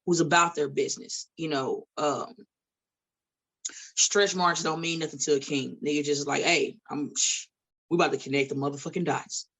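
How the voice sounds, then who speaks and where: A woman in her late thirties, an independent wrestler appearing as a podcast guest, chats casually at a studio table, blunt and heavily profane with preachy asides. Her voice is low and a bit bright, her intonation fairly even, and she talks at a normal speed. The recording quality is low.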